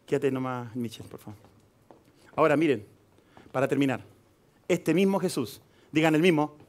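A male pastor with a Chilean accent delivers a live sermon in a church. His voice sits a little high for a man. He drops to quiet asides and then rises to loud, emphatic preaching. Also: animated, normal speed, slight background noise. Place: church hall.

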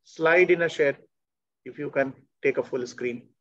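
A man's voice: medium pitch, a little slow. A man moderating an online panel in a formal way, with "uh" fillers. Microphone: video call. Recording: dull lo-fi call audio.

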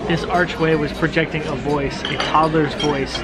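A man's voice: a little high, little pitch movement, moderate pace. A man in casual vlog chat, joking and playful while filming dinner in a restaurant. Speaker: vlogger. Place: busy restaurant. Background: crowd chatter.

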